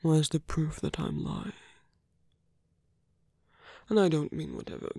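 In an ASMR roleplay, a voice actor plays a seductive, calm villain leader who slowly coaxes a captive hero, his slightly high voice breathy, husky, and often whispering. His delivery is slow, intimate, earnest, and persuasive. He is recorded on a close, dry mic with no echo.

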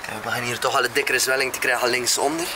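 Guy w average pitch, jokey casual banter, bit of english, noisy outside. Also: fairly even intonation, very fast. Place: outdoors. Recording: noisy outdoor recording with vehicle sounds.

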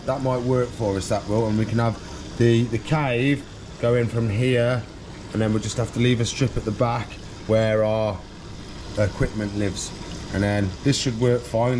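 A mid-range male voice belongs to a pet shop vlogger in his thirties, casually describing what he's doing for an unscripted vlog. Background noise is present in the indoor aquarium shop.

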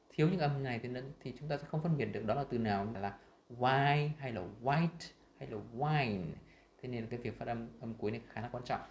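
A man with a Vietnamese accent teaching English pronunciation, saying sample words slowly and loudly between his explanations. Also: mid-range voice, reverberant, muffled recording, a little hiss or hum. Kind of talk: screen-share lesson.

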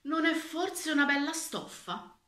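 A woman voicing two sly male swindler weavers who coax and flatter, in a children's story read aloud. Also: high-pitched, unhurried, reverberant, pitched above the performer's own voice, heavily acted.

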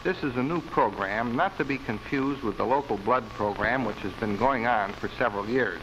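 A man delivering an earnest, measured public service appeal, heard as an old 1950s newsreel broadcast. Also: medium pitch, noisy background. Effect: old 1950s newsreel broadcast sound.

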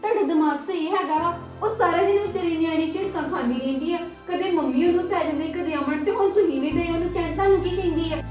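A woman plays an indignant relative who lectures quickly in a very high voice, far from the mic in a very echoey room. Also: darkish tone, faint music behind. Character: indignant relative standing up for the girl. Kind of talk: family web drama acting.

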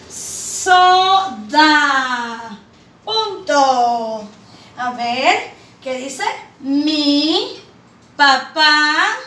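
A woman's voice: very high voice, sharp tone, far from the mic. A woman teaching young children to read, stretching out each syllable and calling the pupils her loves and princesses. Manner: slow, drawn-out syllables, affectionate address to pupils. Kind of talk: children's reading lesson. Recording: echoey room, voice from off the mic.

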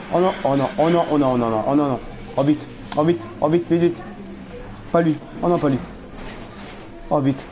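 A man commentating a horror game live, nervous and jittery, repeating words when scared, his voice going hoarse. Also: a little high. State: losing his voice.

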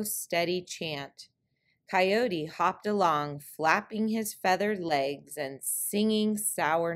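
Woman, trickster-tale read-aloud, deliberate storyteller, unhurried pace, slightly low pitch. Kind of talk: picture-book read-aloud of a trickster tale, scripted narration.

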